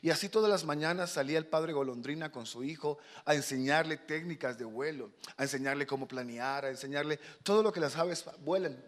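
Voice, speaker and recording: A pastor leading a fervent, loud prayer and preaching a sermon. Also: male voice, on the high side, fairly quick, few pauses.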